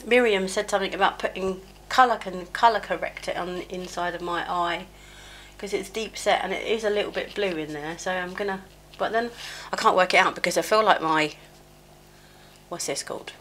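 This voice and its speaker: Chatting while applying makeup at home, this middle-aged woman rambles in a scattered, self-mocking get-ready-with-me vlog with many fillers, sounding slightly chesty from a cold. She speaks a little fast in a lowish, fairly bright voice. Slight background noise comes through the small clip-on mic, which she sometimes covers.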